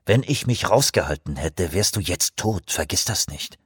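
Man doing a huge growling gruff brute. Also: low-pitched, animated, normal speed, fairly bright tone, no room sound, studio quality, exaggerated voice. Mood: scornful.

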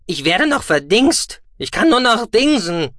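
A man voicing a small, furry, cheeky alien creature who fumbles for words in a shrill, squeaky, agitated way. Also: sing-song, unhurried, fairly bright tone, no echo, studio quality, exaggerated voice.

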